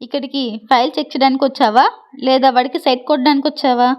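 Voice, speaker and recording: A woman's voice: sits high, steady tone, fast talker, close to an everyday voice. A woman voicing a hot-tempered, protective older brother giving harsh orders in a read-aloud story. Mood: angry. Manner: harsh, commanding. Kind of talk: storybook reading.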